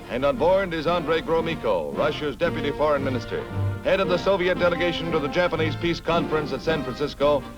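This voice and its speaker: This is a man's voice on an old 1950s newsreel, delivering the news in a brisk, punchy announcer style. His voice sits fairly high. A bold music score plays underneath him the whole time. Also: lo-fi sound. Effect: old 1950s newsreel sound. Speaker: newsreel narrator. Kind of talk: scripted newsreel narration.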